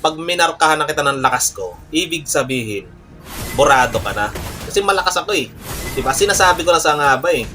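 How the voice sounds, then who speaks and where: A man's voice: on the high side, a little fast, soft background music. A young man, commentating his own gameplay live with brash, cursing trash talk and boastful bragging. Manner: boastful, mock-calm refrains. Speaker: gaming streamer.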